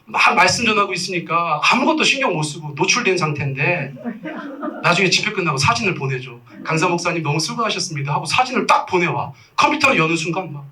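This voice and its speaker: A man in his forties preaching from a church pulpit, in a bright and forceful voice that sits a little high for a man. He tells his stories with lively self-mocking humor and acts out the lines he quotes. The sound is picked up from some distance away from the mic. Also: quick pace. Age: 40s. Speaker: pastor. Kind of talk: sermon. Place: church sanctuary.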